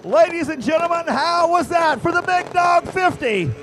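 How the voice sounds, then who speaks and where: A man announcing live at a race track in a booming, pumped-up voice, calling out cars and winners to the crowd. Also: lively intonation, normal speed, noisy background. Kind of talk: live race commentary and victory lane announcing. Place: outdoors at a speedway.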